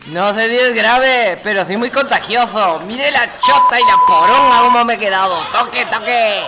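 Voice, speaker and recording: A man putting on a bawdy woman comic telling crude jokes. The voice is pitched high and brassy, with loud, crude punchlines. Music runs clearly behind her. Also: moderate pace. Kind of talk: comedy sketch.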